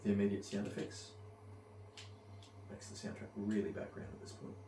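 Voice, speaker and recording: His voice is on the low side and monotone, at a normal speed. The man, a gamer who reviews headphones, offers casual, meandering remarks on equipment and gameplay while hesitating and reasoning aloud. Faint noise and a distant, roomy mic mark the recording.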